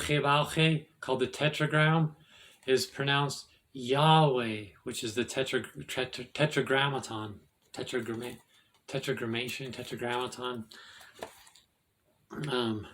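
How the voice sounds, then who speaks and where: Male host, mid-pitch, rambling lecture style, loose and halting delivery. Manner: rambling, halting, many restarts and fillers; self-correcting, laughs at own slips. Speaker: occult video host. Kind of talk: casual explanatory monologue.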